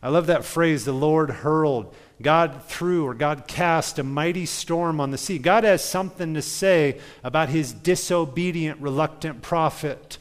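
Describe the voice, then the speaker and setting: A man's voice: a little high, measured pace, hardly any pauses, long reverb tail. A male pastor preaching a sermon in a conversational storytelling manner, driving points home with rhetorical questions.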